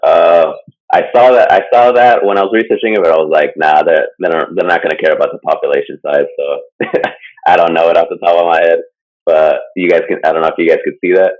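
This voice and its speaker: A low-pitched man co-hosts a casual podcast, presenting a topic in a loose, rambling chat packed with fillers. His intonation is fairly even, his pace fairly quick, and the recording has a dull lo-fi quality.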